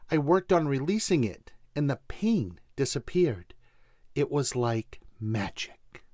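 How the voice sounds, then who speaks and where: A man's voice: medium pitch, a little mellow, no room sound, studio quality. A man from Boston with a Boston accent, hosting a motivational spiritual talk show in a folksy way, speaking straight to listeners. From Boston, USA. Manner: folksy, addresses listeners directly. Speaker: show host.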